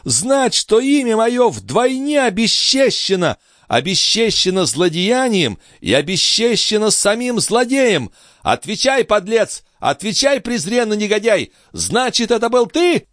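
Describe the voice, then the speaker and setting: A man voicing a proud young noblewoman, distraught and furious, crying out in a raised falsetto. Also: expressive, a little fast, hardly any pauses, dry recording, clean studio sound, natural voice. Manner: shrieking, sobbing cries in a raised falsetto. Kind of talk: dramatic audiobook reading.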